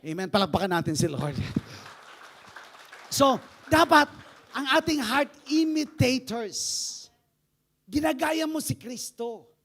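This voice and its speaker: A man's voice: very high voice, animated, slow pace, long pauses, a bit bright. A man preaching a live church sermon, telling stories in a playful way and laughing often. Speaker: pastor.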